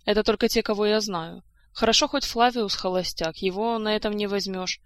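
Женщина читает за отчаявшегося короля. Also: female voice, medium pitch, fairly even intonation, a little fast, no echo, natural voice. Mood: despairing. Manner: weary, bitter, speaks in long outpourings. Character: grieving despairing adult male king.

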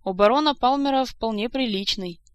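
A woman's voice: fairly high pitch, brisk, clear, resonant tone, dry recording, voice pushed up, lightly acted. Kamila, a woman reading as a drawling, lazy court lady. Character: lazy, indifferent, mocking young court lady.

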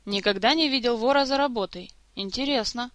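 A man's voice: very high voice, brisk, fairly bright tone, no room sound, clean studio sound. Woman voicing a curious earnest elf. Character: curious, earnest young male elf companion.

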